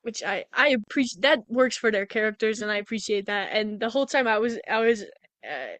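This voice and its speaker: A young woman co-hosting a podcast, chatting casually and rambling through a movie plot, acting out characters in quick quotes. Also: mid-range voice, expressive, fairly bright tone, dry recording. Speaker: podcast co-host. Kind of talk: casual movie review chat.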